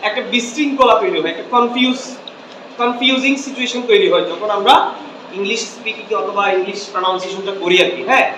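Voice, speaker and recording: A man's voice: high-pitched, fast talker. A man teaching an English lesson in class, switching between Bengali and English and asking questions that he then answers himself. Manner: asks questions and answers them himself, repeats phrases. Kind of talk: classroom lecture. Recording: echoey room, distant mic, faint background noise.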